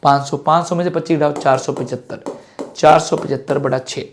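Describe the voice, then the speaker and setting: A man's voice: a little high, fairly even intonation, brisk, slight background noise. Hindi-speaking man teaching exam maths. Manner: asks and answers his own questions as a student. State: slightly sore throat. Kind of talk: exam-prep maths lecture.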